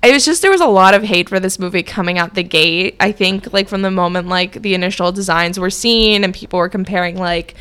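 Giggly young woman with a smooth voice. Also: medium pitch, fairly quick, few pauses, a bit bright. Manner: rambling, giggly, lots of fillers. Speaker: podcast co-host. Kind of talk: casual chat.

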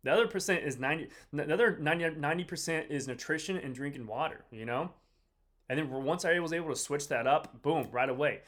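A man's voice: fairly high pitch, fast talker, fairly bright tone. A man who is sick and drained, hosting a casual motivational fitness podcast with slangy, repetitive, rambling direct address. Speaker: podcast host, fitness coach. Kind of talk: casual motivational podcast talk to a live audience.

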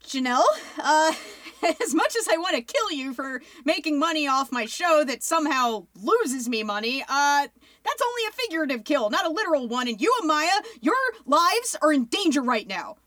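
A woman plays a frantic podcaster, swearing and stammering as she pleads. Her voice is high and dry, close to the mic with no room sound. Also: sing-song, normal speed, a bit bright, dry recording. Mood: pleading. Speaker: podcast host. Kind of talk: audio drama acting.

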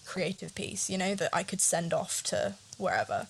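A woman's voice: fairly low pitch, expressive, normal speed, gravelly, husky. A nervous young woman co-hosting a casual podcast, rambling and self-conscious as she chats. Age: young adult. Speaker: podcast co-host. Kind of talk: casual chat.

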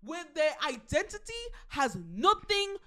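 Young manc woman ranting on a podcast, swears a lot, voice way up high and bouncing all over. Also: sing-song, bright, forceful tone. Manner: ranting, swearing, fast and laughing. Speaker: podcast co-host. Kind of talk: casual chat.

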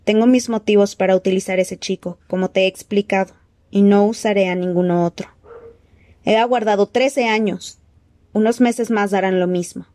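A woman voicing a cold, menacing dark-lord man who speaks slowly in soft hissing threats. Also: medium pitch, fairly even intonation, dry recording, natural voice.

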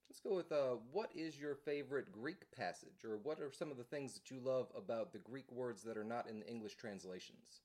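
A man's voice: mid-range voice, brisk, few pauses, a little mellow. A man hosting a casual conversation who agrees easily and keeps the talk moving. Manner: easygoing, agreeable, frequent backchannel.

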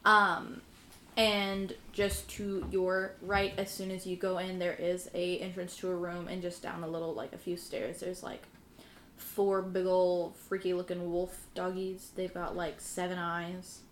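A woman's voice: lowish voice, flat delivery, unhurried, a bit bright. A young woman narrating a tabletop game as game master, casual and swearing, often laughing. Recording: echoey room with faint noise.

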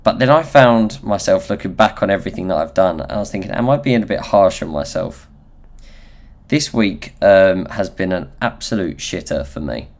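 Low-pitched nasal Essex man. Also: expressive, normal speed, darkish tone. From Essex, England. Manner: candid, self-deprecating, sweary. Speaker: podcast host. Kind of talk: solo motivational podcast talk, informal.

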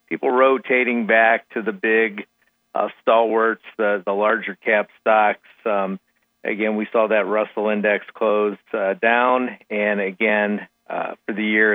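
A man giving conversational market commentary as a radio analyst, talking in a halting way with frequent verbal hedges. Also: lowish voice, no echo. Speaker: financial market analyst guest on a radio show. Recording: tinny, narrow phone-like line.

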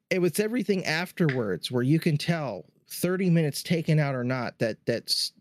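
A man co-hosting a podcast, talking through a movie in relaxed casual chat, full of 'like' and restarts. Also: on the high side, no room sound. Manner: relaxed, chatty, hedging with 'like'. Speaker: podcast co-host.

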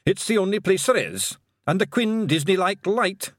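A man's voice: high-pitched, expressive, normal speed, fairly bright tone, no echo, studio quality, pitched above the performer's own voice. A man voicing a fierce little male pixie clan chief with a Scottish accent, brash and bossy. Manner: brash, gruff, bossy and cheerful.

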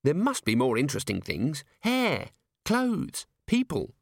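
A man's voice: medium pitch, wildly swooping pitch, a little slow, creaky, no echo, studio quality, pitched above the performer's own voice, full character voice. A man voicing an earnest, timid young female dwarf in a raised, hesitant voice. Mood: earnest, fretful.

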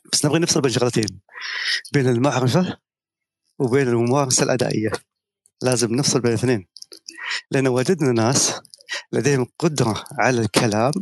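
A man's voice: medium pitch, creaky, no echo. A middle-aged man speaks as a guest media professional in a talk on an audio chat room. He lectures persuasively and tells anecdotes.

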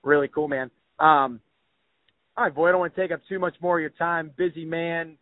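A man's voice: a little high, steady tone, a little fast, no echo. A man hosting a casual podcast, upbeat and slangy, full of "like" and "dude". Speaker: podcast host. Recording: tinny phone-like audio, dry.

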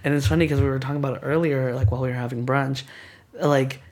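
A man's voice: medium pitch, fairly even intonation, fast, darkish tone. A man hosting a podcast, chatting casually and filling his talk with "like". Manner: chatty, filler-heavy with lots of "like". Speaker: podcast host. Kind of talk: casual chat.

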